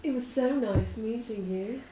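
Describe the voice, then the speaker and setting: A woman playing a seductive, grasping adventurer in a tabletop game, gushing with flirtatious flattery. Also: fairly high pitch, a little slow, natural voice. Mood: scheming. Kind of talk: tabletop role-play in character. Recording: echoey, distant, very noisy room.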